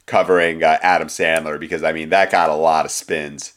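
A man from the United States co-hosts a music podcast in a rambling, self-deprecating way. His voice sits very low. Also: little pitch movement, brisk, fairly bright tone. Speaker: podcast co-host. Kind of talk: casual chat.

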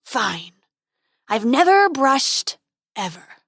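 A woman voicing a huge, grumpy male dragon who booms, then grumbles and sulks. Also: very animated, a bit bright, breathy edge, dry recording, studio quality, full character voice. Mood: sulky. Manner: booming, slow and grumbling.

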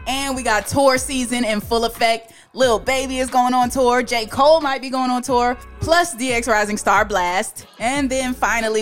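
Informal woman hosting a podcast over music. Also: a little high. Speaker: podcast co-host.

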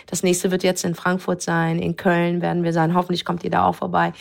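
A woman guest in an interview, talking in an energetic, emphatic, motivational way. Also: on the low side, fairly quick, vocal fry. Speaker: guest, motivational event speaker. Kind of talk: casual interview talk.

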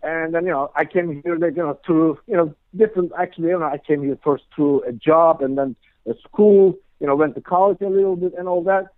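Speaking briskly in a slightly high voice with fairly even intonation, this man from Turkey is a guest guitarist in a casual interview chat. He rambles, leaning on "you know" and "like," and the dry, tinny phone line carries no room sound.

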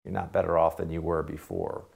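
A man's voice: a bass voice, big pitch swings, fairly quick, vocal fry. Sarcastic man hosting talk radio. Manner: sarcastic, mocking, swings between loud jabs and quiet asides. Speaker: radio host. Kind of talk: political talk radio commentary.

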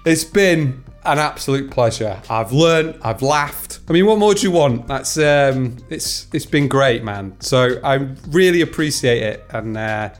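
A man's voice: mid-range voice, expressive, a little slow, few pauses, soft background music. A man hosting a podcast, running a playful quiz and wrapping up the episode in an upbeat way. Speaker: podcast host. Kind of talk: interview and scripted outro.

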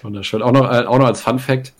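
A man's voice: mid-range voice, steady tone, quick pace. A young man on a podcast, telling a rambling story in casual chat, with crude slang, laughing mid-sentence and tagging lines with "ne?". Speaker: podcast co-host.

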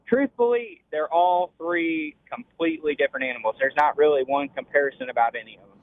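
A man's voice: a little high, dry recording. Man on a tinny phone line. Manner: halting, repeats words, many fillers. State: talking on the phone while driving. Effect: heard over a phone line. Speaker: racing driver guest. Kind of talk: casual phone interview.

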